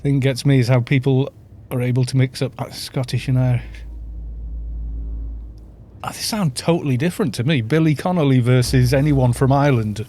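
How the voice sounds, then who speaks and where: A man in his fifties with a North Welsh accent, from North Wales, leads a game group on a live stream, chatting casually and rambling. His voice is warm and medium-pitched at a normal speed; he chuckles often and reads the chat aloud over faint background music.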